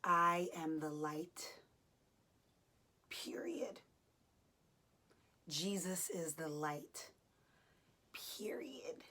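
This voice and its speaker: A woman's voice: lowish voice, drawn-out words, pauses often, sharp tone. A woman praying earnestly aloud during a wall sit, with the effortful, sighing delivery of someone holding an exercise. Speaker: host of a faith and fitness challenge.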